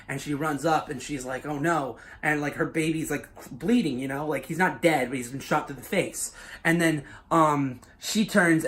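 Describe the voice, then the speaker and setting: A man casually pitching his own story as a YouTuber, loose and swearing, full of filler words. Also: fairly bright tone.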